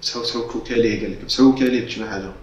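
Young gamer guy rambling fast over game music, roomy distant mic. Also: mid-range voice, steady tone, highs cut off. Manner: chatty, quick, mixing English game lines into Arabic. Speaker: gaming YouTuber. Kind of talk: let's play commentary.

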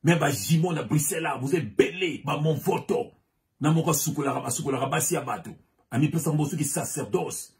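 A man's voice: on the high side, brisk, a little mellow. Fiery preacher man. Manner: fiery, switches between French and Lingala, repeats phrases with rising emphasis. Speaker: pastor. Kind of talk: preaching sermon.

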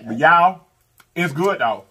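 A woman's voice: deep voice, animated, slow, bright, forceful tone, slight background noise. A woman with chatting to viewers during a mukbang eating vlog, with lots of mm sounds between bites. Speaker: mukbang vlogger. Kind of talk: casual eating vlog chat.

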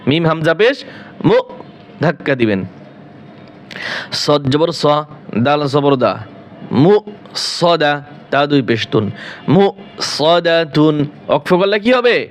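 A man's voice: fairly high pitch, lively intonation. Bangladeshi man spelling out Quran verses. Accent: Bangladeshi Bengali. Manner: slow drawn-out chanting of verses between quick spelling drills. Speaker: Quran teacher. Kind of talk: spelling out recitation letter by letter.

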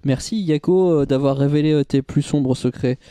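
A man's voice: mid-range voice, moderate pace, warm tone, clear, resonant tone, no echo. A man hosting a podcast, dropping teasing, dry remarks into a guest's story. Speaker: podcast host. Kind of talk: casual podcast banter.

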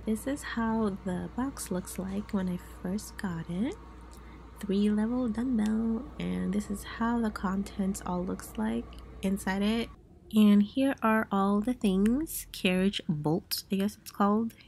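A woman's voice: mid-range voice, measured pace, vocal fry, a little mellow, slight background noise. A young woman doing a casual, upbeat product review in her living room, chatting straight to the viewers. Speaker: home fitness vlogger. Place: bright living room at home.

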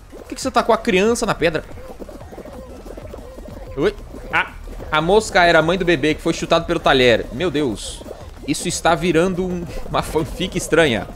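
A man's voice: fairly high pitch, very animated, moderate pace, long pauses, a bit bright, faint music behind. A man with a Brazilian accent chatting casually on a gaming livestream, rambling and joking at himself. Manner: rambling, jokey, self-mocking.

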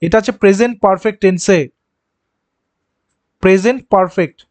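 A man's voice: high voice, a little mellow. A man teaching an exam-prep grammar lesson, patiently explaining and posing questions to his students, then answering them himself. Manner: reads example sentences slowly and deliberately.

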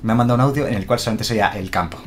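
A man's voice: lowish voice, rapid-fire, soft background music. A man from chatting casually on a live stream, explaining things and answering viewers' comments.

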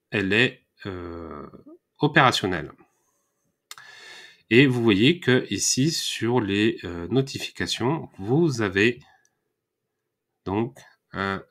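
A man with a fairly low voice walks viewers through a website tutorial in a relaxed, chatty way. He hesitates often, filling pauses and restarting his phrases as he clicks along. He sounds like he is speaking into a desktop microphone over a screen recording. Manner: hesitant, many "euh" fillers and restarts. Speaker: WordPress tutorial host.

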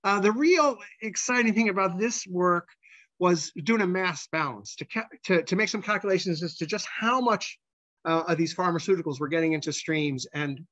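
Halting high-pitched man presenting research. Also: fairly bright tone, highs cut off. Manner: halting delivery with repeated words and false starts. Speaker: research scientist presenting a lightning talk. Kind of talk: conversational scientific slide presentation.

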